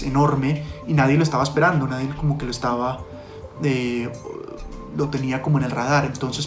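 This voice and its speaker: Answering interview questions in a conversational way, a male podcast producer speaks at medium pitch with hesitant, halting phrasing.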